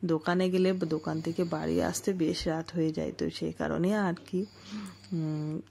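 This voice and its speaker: A woman's voice: low voice, little pitch movement, normal speed, gravelly, warm tone, slight background noise. A woman in her thirties chatting casually to her viewers at home, rambling on about her day as a family vlogger. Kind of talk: casual home vlog chat.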